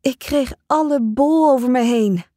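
A woman's voice: sits high, measured pace, mellow, dry recording, studio quality. A woman narrating a first-person diary in a bubbly, dramatic teen-girl manner. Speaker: audiobook narrator.

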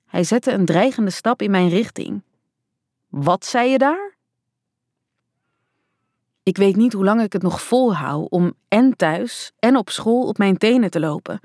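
A woman's voice: mid-range voice, darkish tone, dry recording, clean studio sound. Woman narrating a tense first-person story. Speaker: audiobook narrator.

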